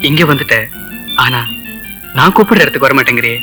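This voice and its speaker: A man's voice: medium pitch, animated, normal speed, music in the background, lightly acted, low-quality recording. An actor playing a young rich man coaxing his sweetheart, in earnest, romantic film dialogue.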